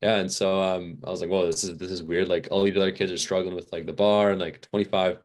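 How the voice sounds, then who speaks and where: A man's voice: sits low, little pitch movement, fast talker. A man in his twenties, a podcast guest, talking in a loose casual way full of fillers and restarts, a little tired. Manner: rambling, many fillers and restarts. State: a little fatigued. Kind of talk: casual interview chat.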